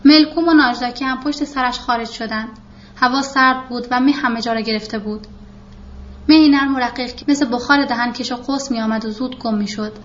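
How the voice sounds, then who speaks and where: A woman's voice: a little high, fairly even intonation, fairly bright tone, highs cut off. A woman narrating a novel as a scripted audiobook reading, giving the characters' lines in her own voice.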